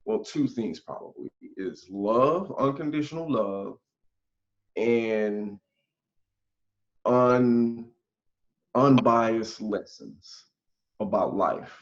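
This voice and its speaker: Earnest man, forty, podcast co-host, unhurried, slightly muffled lo-fi recording. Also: medium pitch. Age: 40s. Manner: slow, earnest, thinks aloud, says "man" often. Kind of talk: casual conversation. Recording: dull lo-fi sound.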